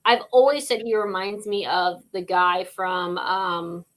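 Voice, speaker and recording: A woman's voice: lowish voice, fairly even intonation, measured pace, a bit bright. A woman co-hosting a casual wrestling review show, chatty and sure of her opinions. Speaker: podcast co-host.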